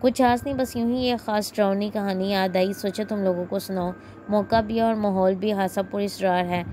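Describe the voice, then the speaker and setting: A woman's voice: medium pitch, fairly even intonation, moderate pace, dark tone, slight background noise, natural voice. A woman voicing a boastful young man who mocks his brothers as cowards, in a cocky, needling manner. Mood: hushed. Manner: mocking, cocky.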